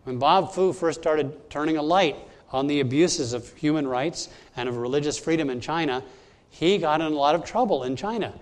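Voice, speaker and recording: A man preaching a sermon at a church service, speaking in a fairly high voice. He is emphatic and teaches point by point, turning to the congregation directly with instructions and questions. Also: normal speed. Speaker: pastor.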